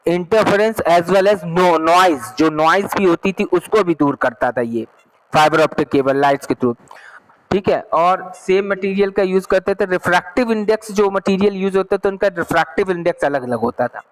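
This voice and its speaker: High-voiced male teacher explaining slowly. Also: lively intonation, low-quality recording. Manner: explains slowly, reads English text then repeats in Hindi; checks understanding often. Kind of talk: online class lesson.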